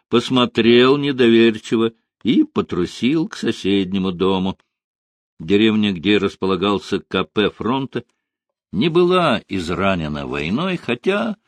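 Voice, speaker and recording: A man narrating a historical novel as an audiobook, measured and expressive. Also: fairly low pitch, no room sound.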